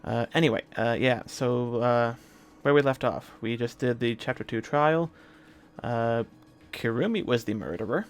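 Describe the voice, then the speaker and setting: A man live-streaming a video game, talking casually with a scratchy, hoarse throat and a rambling manner full of fillers and restarts. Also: mid-range voice, moderate pace.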